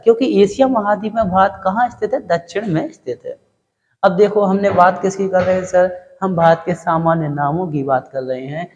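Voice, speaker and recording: A man's voice: on the high side, a little mellow, dull audio, a little hiss or hum. A male teacher giving a classroom lecture, asking questions and answering them himself, repeating key words with folksy, joking asides. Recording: long hall reverb.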